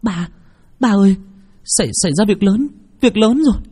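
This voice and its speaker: A man's voice: sits high, moderate pace, warm tone, husky, voice pushed up. A man voicing a frightened young woman who stammers in panic. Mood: panicked.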